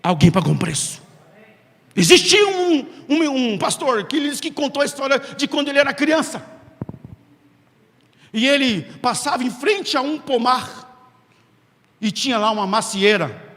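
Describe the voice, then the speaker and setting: Male preacher, very high voice, storytelling sermon, dramatic pauses, long reverb of a big hall. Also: lively intonation, fairly bright tone.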